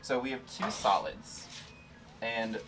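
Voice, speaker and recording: A man's voice: mid-range voice, sing-song, takes it slowly, recorded from a distance, music in the background, poor audio. A man hosting a casual science demonstration, explaining things informally and playfully. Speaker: host, scientist.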